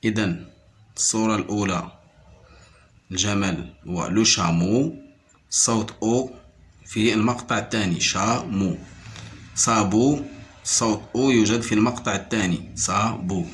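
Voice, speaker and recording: A man teaching a lesson to young pupils. He repeats each word slowly, counts out its syllables and switches between French and Arabic to explain. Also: lowish voice. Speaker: primary school French teacher. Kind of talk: slow classroom-style lesson.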